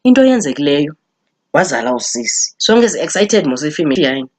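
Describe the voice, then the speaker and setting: A woman acts out a judgmental Xhosa auntie gossiping as if on a phone call. Her voice sits a little low and races along quickly. She tells it with animated comic drama in a Xhosa accent, slipping between Xhosa and English. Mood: gossipy, scandalised. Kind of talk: comedy skit monologue, gossiping as if on a phone call.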